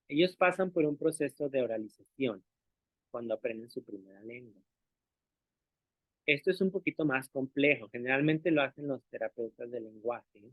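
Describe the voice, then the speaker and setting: This language teacher, a man of medium pitch with a slightly bright voice, is presenting an explanatory talk to fellow teachers. He patiently makes sure they're keeping up and models sounds aloud. The audio is dry and tinny, like a phone.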